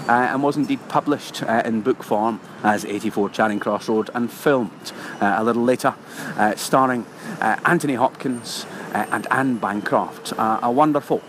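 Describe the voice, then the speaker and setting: Male tour guide, outdoor field recording, measured, formal, hesitant "uh"s, traffic clearly audible. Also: mid-range voice. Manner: measured, formal phrasing with frequent "uh" pauses. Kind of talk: on-location podcast narration. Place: outdoors on a busy city street. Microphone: handheld recorder on location.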